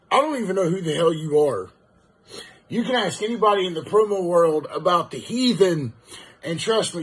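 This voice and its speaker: A man's voice: high-pitched, breathy edge, poor audio. A man cutting a cocky, profane wrestling-style promo, boasting and hurling insults at his rival. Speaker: online wrestling promo cutter. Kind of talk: trash-talking wrestling promo.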